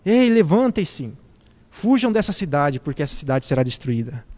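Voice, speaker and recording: A man voicing an aged patriarch who urgently shouts a warning to his family. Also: medium pitch, steady tone, fast talker, long reverb tail, pitched below the performer's own voice, natural voice.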